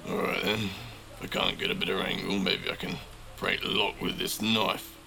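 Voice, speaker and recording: A man's voice: deep voice, fairly even intonation, normal speed, vocal fry, sharp tone, heavily acted. A man voicing a big, wounded, chained captive who mutters his plans to himself, half whispered. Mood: desperate.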